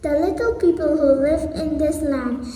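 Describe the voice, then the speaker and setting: A young woman in a school play voicing a kindly good witch, gentle and a little muddled, with a reassuring way of speaking. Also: sits high, steady tone, normal speed, natural voice. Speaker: school skit actor. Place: school stage. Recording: echoey hall from far off.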